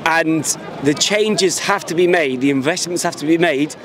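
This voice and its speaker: Into a handheld mic held by the interviewer, a twenty-something football fan makes his point with passion and emphasis, often repeating words. The street vox pop takes place outside a busy stadium, so a crowd can be heard behind his slightly high, moderately paced voice.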